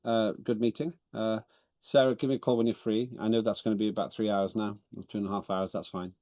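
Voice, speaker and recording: Chairing an online parliamentary session on a video call, an Estonian-native man keeps things businesslike and corrects himself often, with wry humor. He talks fast in a fairly low, dark voice with little pitch movement, and the recording is dry.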